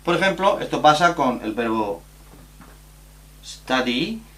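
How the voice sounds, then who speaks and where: A man from teaching a recorded grammar lesson, explaining rules slowly and spelling out letters and examples. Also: mid-range voice, animated, fairly bright tone, slight background noise.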